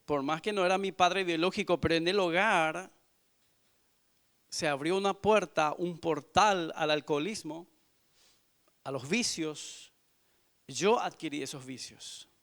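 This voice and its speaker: A man in his forties, a visiting missionary, giving an earnest sermon testimony in church, moving from hushed to loud. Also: on the high side, unhurried, pauses often. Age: 40s.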